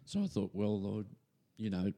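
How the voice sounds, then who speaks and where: An older Australian man with a low, mellow voice tells a story from his early life in an easy, chatty way. He slips into the voices of the people he quotes. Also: normal speed. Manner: animated storyteller who acts out quoted voices. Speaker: podcast guest, retired minister. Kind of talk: casual storytelling chat.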